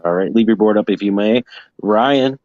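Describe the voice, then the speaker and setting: Low-voiced man hosting a trivia show. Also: moderate pace, dry recording, muffled recording. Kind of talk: casual game show hosting.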